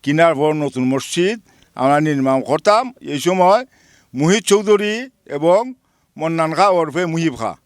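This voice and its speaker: Man, fairly high voice, earnest, listing names, dry sound. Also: clean tone, no echo. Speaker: local villager giving a statement. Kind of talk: spoken statement to press. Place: beside a village mosque.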